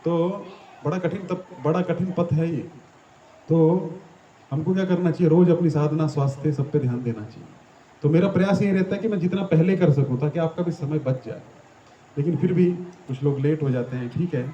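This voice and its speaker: A man with a rather high, warm voice gives a devotional talk to a gathering in a small temple hall, heard through a muffled recording with slight hiss or hum at a moderate pace. As a devotional teacher, he explains step by step, puts questions to the audience, and often closes sentences with "है ना".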